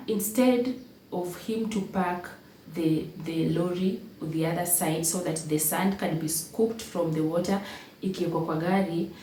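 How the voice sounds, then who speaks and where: A woman's voice: mid-range voice, mellow, distant mic. A young Kenyan woman telling her own life story to the camera, emotional and repeating phrases for emphasis. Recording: echoey room, voice a bit off-mic, faint background hum.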